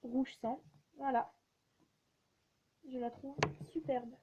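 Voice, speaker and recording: A woman's voice: high-pitched, little pitch movement, slow. A teenage girl chatting casually and rambling as she shows her drawings, with many fillers and restarts. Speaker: vlogger showing her drawings. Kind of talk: casual chat. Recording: dull lo-fi sound with faint noise.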